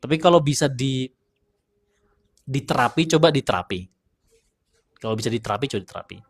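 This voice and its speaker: Speaking in a mid-range voice, a man hosts a live-streamed Quran recitation lesson. He's laid-back and conversational, answering viewer questions as he reads them and carefully sounding out letters slowly.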